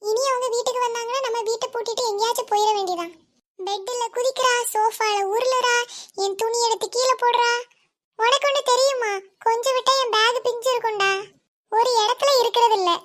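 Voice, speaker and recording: A woman's voice: very high voice, steady tone, a little fast, a bit bright. A woman voicing a grumbling teenage girl in a cartoon, scolding and complaining in a Tirunelveli Tamil accent. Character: grumbling teenage girl, sharp-tongued and fed up. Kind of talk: cartoon voice acting.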